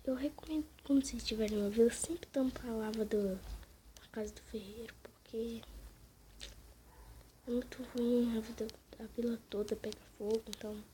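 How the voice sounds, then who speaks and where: This gaming channel host, a woman with a Brazilian accent, keeps her gameplay commentary to a hushed, casual whisper at night while her family sleeps. Her fairly high voice is fairly even at a moderate pace, in a low-quality recording with a little hiss or hum.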